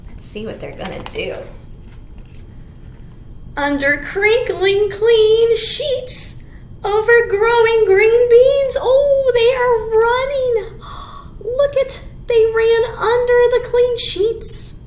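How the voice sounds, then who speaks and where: A library storytime presenter reads picture books and rhymes aloud to small children in a very high-pitched, sing-song voice that is animated yet slow and somewhat dark in tone. She exaggerates her delivery, gasps dramatically, and explains things simply. Background noise is clear, and the room echoes.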